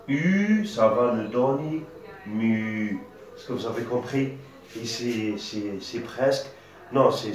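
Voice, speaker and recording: A male teacher with an Algerian French accent giving a patient reading lesson, spelling out syllables with frequent hesitations. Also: mid-range voice. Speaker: primary school teacher. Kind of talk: slow classroom-style reading lesson. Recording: echoey room, distant dull mic.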